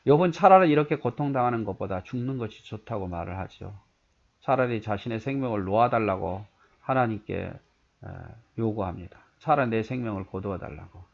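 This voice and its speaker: A man's voice: on the low side, lively intonation, fairly quick, gravelly. A male pastor explaining Bible verses in a conversational way, asking his listeners rhetorical questions. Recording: dull lo-fi recording.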